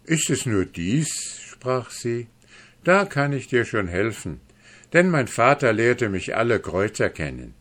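A man's voice: mid-range voice, sing-song, a little slow, a bit bright, pitched above the performer's own voice. A man voicing a kindly, helpful female goose in an audiobook reading.

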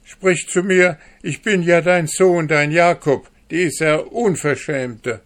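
A furious market woman from a storybook reading, her voice pitched high and loud with scorn, put on by a man. She scolds in sharp outbursts, and the delivery stays slow and drawn out. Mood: indignant. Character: angry middle-aged market woman, shrill and scornful.

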